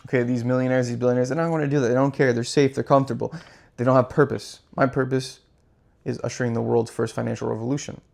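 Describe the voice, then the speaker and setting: A man's voice: medium pitch, flat delivery, quick pace, vocal fry, a little mellow. A man hosting his own channel, delivering an impassioned, profane and repetitive rant. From United States. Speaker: crypto channel host. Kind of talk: impassioned monologue.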